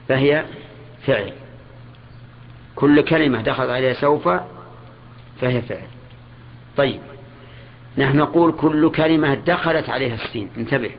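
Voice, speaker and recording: An older man, teaching a grammar lesson in a measured way. He repeats key words and puts questions to his students. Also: mid-range voice. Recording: dull lo-fi old lecture recording with faint hiss.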